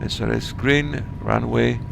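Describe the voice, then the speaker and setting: A man flying a simulator as a pilot, speaking on a cockpit headset mic in clipped, rapid aviation phraseology with cockpit callouts and radio calls. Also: medium pitch, creaky, over music. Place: home flight simulator setup. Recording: steady background hum.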